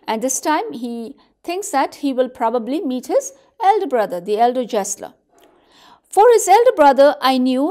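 High-voiced Indian woman explaining a story. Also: a little mellow. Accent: Indian English. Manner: reads passages then paraphrases with many fillers. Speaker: literature teacher. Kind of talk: reading aloud and explaining a story.

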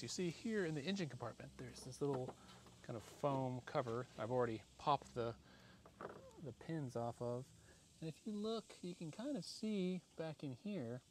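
An American vlogger with a slightly high voice chats casually while installing a product, rambling and poking fun at himself in a how-to style. He's outdoors in a driveway and inside a parked car, recorded by a camera or phone mic held from arm's length to a few feet away. The audio is noisy, with clear ambient sound around him.

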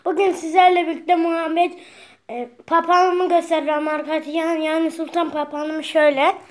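A woman's voice: very high voice, little pitch movement, brisk. A woman filming a casual home video, talking to viewers and cooing at her pet bird. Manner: keeps addressing viewers as friends, coos at the bird. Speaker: vlogger showing a pet parrot. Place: at home indoors.

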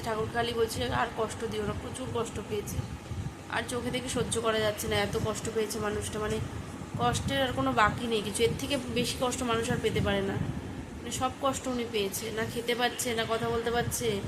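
Feverish young woman vlogger, slightly high and flat-toned, noisy phone audio. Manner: tired, low-key and subdued. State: feverish and worn out. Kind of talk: casual vlog narration. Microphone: phone camera. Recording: noisy home phone recording.

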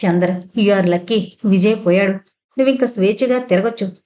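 A woman's voice: mid-range voice, normal speed, darkish tone, close to an everyday voice. A woman voicing a tipsy, gloating man who mutters to himself and answers the phone tersely. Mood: muttering. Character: tipsy, gloating man alone in his flat.

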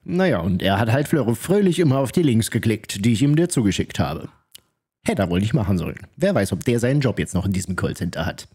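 A man hosting his channel, explaining and commenting in a calm, matter-of-fact, slightly teasing way. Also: on the low side, fairly quick, slightly rough. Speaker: channel host baiting a scammer. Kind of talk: vlog commentary and recorded phone call.

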